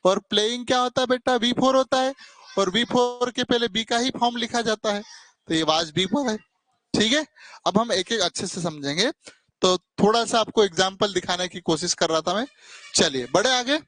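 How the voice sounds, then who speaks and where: A man's voice: sits high, moderate pace, fairly bright tone, no echo. A male teacher giving a classroom grammar lesson, keeping his students engaged with frequent short tag questions and calling them "beta" affectionately. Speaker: English teacher.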